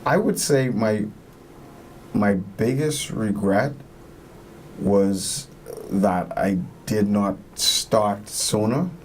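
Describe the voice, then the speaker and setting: A man talks through his career in an interview. He is earnest and motivational and pauses to gather his words. A faint background noise runs under his voice. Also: lowish voice. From Bahamas. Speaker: interview guest, music producer. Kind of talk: reflective interview talk.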